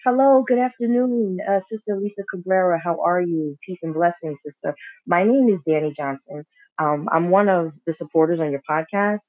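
A man's voice: high voice, moderate pace, a little mellow, no echo. A man leaving a voicemail for a podcast host in a friendly, rambling way, full of ums and restarts. The line sounds muffled and dry, with no room around it. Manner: friendly, rambling, filler-heavy. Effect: voicemail message. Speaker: podcast listener leaving a message. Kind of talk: casual spoken message.

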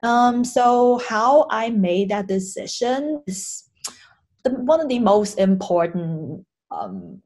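A young woman from China, a guest in an interview, talking earnestly and a little hesitantly, with many pauses and restarts. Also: a little high, big pitch swings, a little mellow. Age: young adult. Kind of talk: casual interview.

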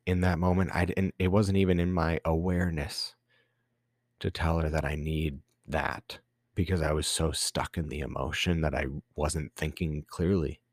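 A young adult man hosting a podcast, telling a candid personal story in a halting way with many ums and restarts, tearful at times. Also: very deep voice, steady tone, no echo, clean studio sound. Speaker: podcast host. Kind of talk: personal reflective monologue.

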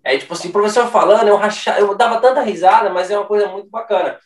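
A man hosting a casual conversation, telling stories with animated enthusiasm. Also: high-pitched, very fast. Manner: animated storyteller. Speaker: podcast host. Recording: roomy sound from a distant mic.

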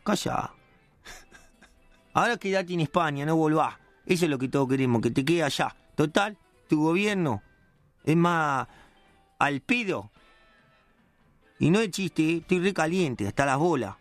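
An actor playing Palito, an indignant, rambling, slang-heavy hothead on a radio comedy show, with a Rioplatense accent. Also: male voice, fairly high pitch, lively intonation, measured pace, long pauses, dry recording, faint music behind. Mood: ranting. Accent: Rioplatense Spanish.

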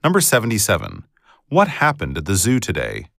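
A man reading scripted exam questions as a test narrator, formal and clearly enunciated. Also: on the low side, wildly swooping pitch, brisk, fairly bright tone, no room sound, studio quality.

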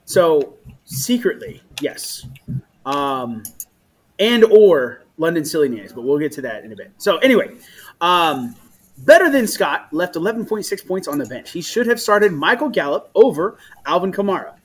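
A man's voice: a little high, sing-song, moderate pace, breathy edge. A man co-hosting a casual fantasy football chat, laughing often and tripping over player names. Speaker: fantasy football podcast co-host.

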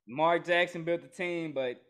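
Casting note: man, high voice, excitable host of a casual sports podcast. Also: a little slow, clean tone. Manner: excitable, calls out segments.

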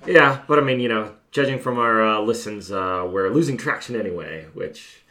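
A man's voice: on the low side, moderate pace, slight background noise. Rambling young Canadian man co-hosting. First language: Polish. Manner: relaxed, rambling with fillers. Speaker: podcast co-host. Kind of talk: casual chat.

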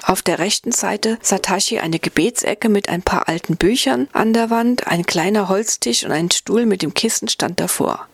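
A woman narrating a children's storybook, reading lively and taking on every voice. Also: medium pitch, moderate pace, hardly any pauses, husky, dry recording.

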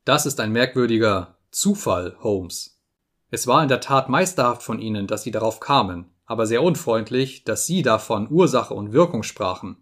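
A man reading an audiobook, voicing a cruel, mocking visitor who taunts a sick man in a sharp tone. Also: medium pitch, expressive, normal speed. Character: sneering sinister male visitor, mocking and cruel.

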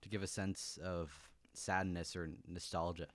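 Deep-voiced man musing about chords. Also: level tone, a little slow, no room sound. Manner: musing, restarts often while explaining chords. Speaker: podcast co-host. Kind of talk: casual chat.

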